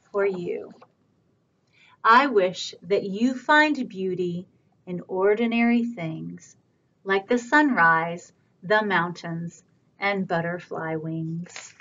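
A woman children's librarian reading picture books aloud for storytime, with a warm, expressive storytime delivery. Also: mid-range voice, muffled recording.

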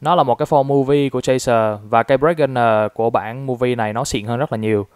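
A man's voice: mid-range voice, steady tone, fast talker, clear, resonant tone, no room sound, studio quality. A man from Vietnam casually reviewing a toy, explaining it step by step with frequent fillers.

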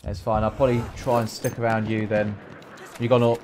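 A man's voice: on the low side, little pitch movement, fairly quick, darkish tone, a little hiss or hum. A British man chatting casually while gaming, easygoing, often stumbling over his words. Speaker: gaming co-player.

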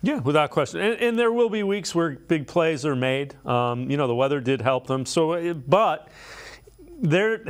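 Slightly high-voiced middle-aged male sports host. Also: expressive, moderate pace. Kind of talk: conversational sports show hosting. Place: TV studio.

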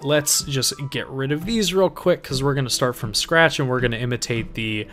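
Young man rambling through a software tutorial. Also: mid-range voice, moderate pace, soft background music. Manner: rambling, filler-heavy, self-correcting. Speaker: tutorial host. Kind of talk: casual screen-recorded software tutorial. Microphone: home desk microphone.

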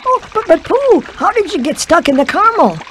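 Cartoon game piglet: small, high, timid, stammering, earnest, lively pitch. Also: male voice, brisk, a little hiss or hum, full character voice. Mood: anxious, helpful. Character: tiny, timid, earnest, helpful young piglet. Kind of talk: animated video game dialogue. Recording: studio voice over game music.

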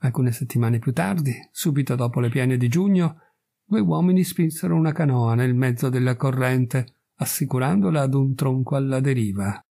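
A man reading a story aloud in measured, dramatic narration. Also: medium pitch, vocal fry, mellow.

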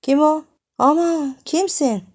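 A woman voicing a frightened young village wife who pleads in a hushed, frantic way. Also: mid-range voice, moderate pace, lightly acted. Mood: startled.

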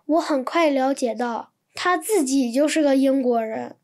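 A woman reading translated textbook sentences in an even, clear manner. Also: high-pitched, moderate pace. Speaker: Chinese translation reader.

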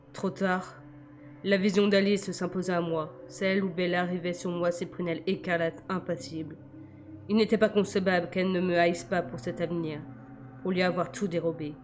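A woman reads a novel aloud in a measured, quiet first-person narration. Her voice sits on the low side for a woman. Soft music plays faintly in the background. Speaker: audiobook reader.

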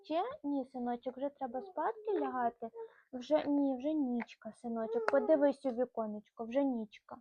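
A mother reading a rhyming bedtime story to her son at home, gentle and sing-song. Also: sits high, lively intonation, moderate pace, no room sound. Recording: tinny phone-like sound.

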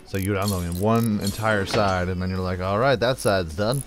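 A gameplay commentator with a low-sitting voice talks at a moderate pace over music in a casual let's play. He jokes about the mechanic game he's playing and talks to the parts as he removes them.

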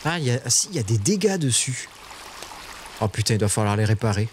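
A man streaming a survival game, talking to his chat in casual live commentary and shrieking high when startled. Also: very animated, fast talker, background noise.

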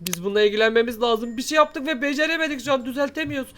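A man's voice: very high-pitched, racing, bright, forceful tone, a little hiss or hum. A man hosting Minecraft role-play commentary in an exclamatory way, urgently repeating his phrases. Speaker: host of a gaming channel.

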